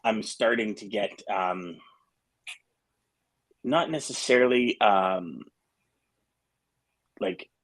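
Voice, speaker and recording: A man's voice: on the low side, very slow, long pauses. A middle-aged man hosting a casual morning show, talking in a rambling way with restarts and fillers. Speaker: host.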